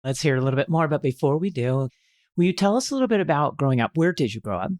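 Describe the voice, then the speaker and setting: A man co-hosting a podcast, asking curious questions and jumping in with quick follow-ups. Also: fairly high pitch, very animated, a little mellow, dry recording, studio quality. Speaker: podcast co-host.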